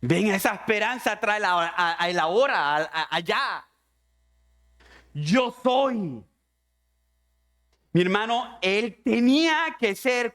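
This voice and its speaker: A man's voice: high-pitched, a bit bright. A man preaching a sermon as pastor, impassioned and speaking straight to the congregation as his brother. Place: church.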